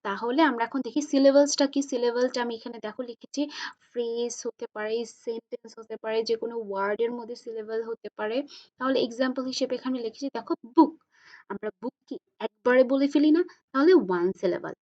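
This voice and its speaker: Woman lecturer, higher voice, patient self-questioning, dull lo-fi sound. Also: a little mellow. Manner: patient, asks and answers her own questions; slows and stretches English examples. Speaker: English lecturer. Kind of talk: explanatory lecture.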